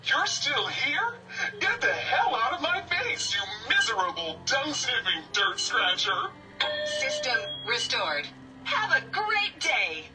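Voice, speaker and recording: Glitching, malfunctioning female park robot, high and sing-song, heard from afar over game music. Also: huge pitch swings, slow, recorded from a distance, heavily acted, poor audio. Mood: chirpy, glitching. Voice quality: chirpy, overly polite sales manner. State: malfunctioning, glitching between cheerful and abusive. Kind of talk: video game voice acting.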